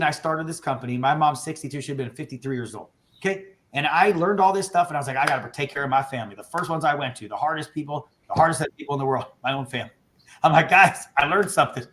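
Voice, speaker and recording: High-voiced, fired-up man coaching agents. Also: fairly bright tone. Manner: fired-up, casual, says dude and bro. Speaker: insurance agency owner training agents. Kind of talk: energetic sales training talk over a video call.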